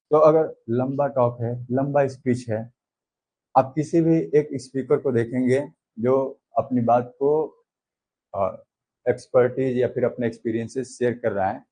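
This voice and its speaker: Male commerce teacher, mellow husky voice, slow measured lecturing delivery. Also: poor audio. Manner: slow, unhurried explaining with demonstrative pitch changes. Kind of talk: classroom lecture.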